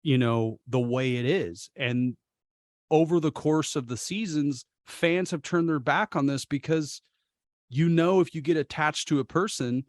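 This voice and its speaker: A man's voice: a little high, a little slow, no echo. Ranting male sports podcaster, dry sound. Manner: impassioned, swears, rants. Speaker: podcast co-host. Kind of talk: casual sports chat.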